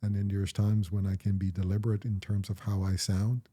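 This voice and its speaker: A dark, slightly rough voice of fairly low pitch with little pitch movement belongs to a middle-aged Jamaican man with a Jamaican accent. Chatting casually with his daughter as she interviews him, he shares measured, reflective stories as her parent.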